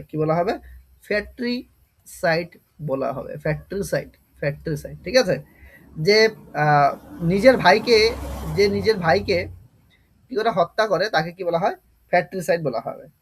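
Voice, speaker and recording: A male teacher giving an online vocabulary class, repeating each term several times, spelling words out letter by letter and coaxing his students to answer. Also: sits high. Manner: asks students questions and coaxes answers.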